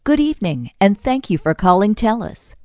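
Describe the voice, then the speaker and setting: A woman voices automated phone menu prompts in a polished, friendly manner, her pitch moving in a lively, animated way. Her tone is mellow and somewhat low. The recording is dry and close, with no room sound. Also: moderate pace, no room sound, faint music behind. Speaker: voice-over artist. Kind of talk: phone system prompts demo.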